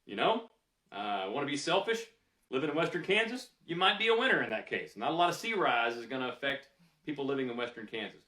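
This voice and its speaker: A man taking questions after a lecture, speaking in a candid, conversational way and pausing on fillers as he works through his thoughts. His voice sits at an ordinary pitch. It sounds roomy and a little distant from the mic. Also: big pitch swings, pushed and bright. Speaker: scientist answering audience questions.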